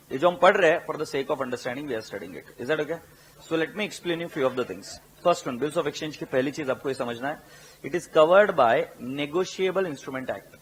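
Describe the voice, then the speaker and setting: A slightly high-voiced man with an Indian English accent teaches accountancy, switching between Hindi and English. He says important terms slowly and repeatedly so students can take dictation, and asks them questions, over a little hiss or hum.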